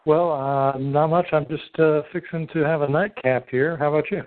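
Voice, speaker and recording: On a tinny three-way phone call, a middle-aged podcast host chats casually in a somewhat high, fairly even voice with no echo. He comes across as hesitant, halting and wordy.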